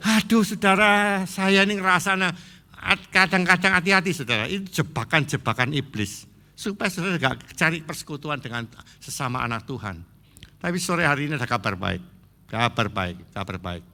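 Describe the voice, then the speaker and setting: A middle-aged man with an East Javanese accent, preaching a sermon and slipping into Javanese asides, swinging between loud exhortation and low earnest talk. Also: expressive, a little fast, vocal fry. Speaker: pastor.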